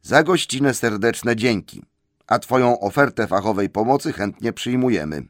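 A man's voice: medium pitch, expressive, moderate pace, no echo, clean studio sound, voice pushed up, lightly acted. A man reading as pompous dwarf letter-writers. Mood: formal. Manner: stiff, formal, businesslike.

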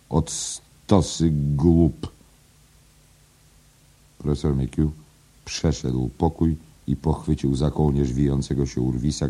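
A man narrating a literary novel as an audiobook, in a measured reading style. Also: rumbling low, dark tone, husky. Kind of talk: scripted narration.

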